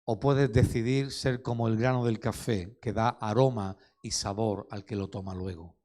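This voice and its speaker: A wise, calm old grandmother, as a male preacher puts her on, speaking in a gentle, instructive way. She explains things patiently, like a figure in a story told from the pulpit. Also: on the low side, normal speed, close to an everyday voice. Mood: gently instructive.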